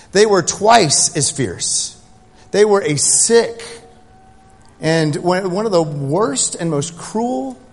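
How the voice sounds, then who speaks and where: Man, pastor, emphatic sermon, slightly high voice, long reverb in a sanctuary. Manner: building from quiet prayer to loud, emphatic preaching. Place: church sanctuary.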